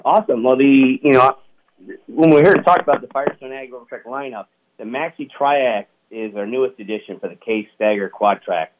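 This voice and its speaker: A man's voice: medium pitch, brisk. A man talking on the phone as an interview guest, upbeat and leaning on "you know" fillers. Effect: over the phone. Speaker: product manager guest. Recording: tinny phone line.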